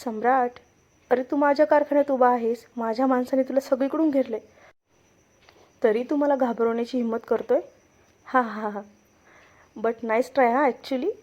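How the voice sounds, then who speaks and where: A woman's voice: high voice, steady tone, normal speed, a little mellow, lightly acted. A woman voicing a scheming female villain who taunts and laughs at her captives. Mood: mocking.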